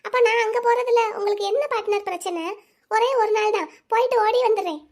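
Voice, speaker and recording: Young wife in a cartoon story, gentle, coaxing, rapid delivery; a woman voices her. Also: extremely high pitch. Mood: pleading. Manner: coaxing, questioning.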